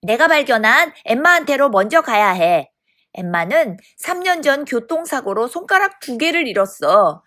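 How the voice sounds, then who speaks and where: A woman's voice: sits high, a bit bright. Woman doing an eager insistent angel. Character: eager young angel arguing its case.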